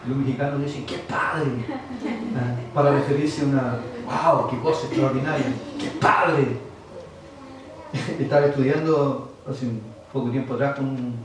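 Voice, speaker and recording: A man with a Chilean Spanish accent preaching a sermon as pastor, lively and acting out other people's voices. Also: medium pitch, background noise. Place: church. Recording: far-off mic in echoey church hall.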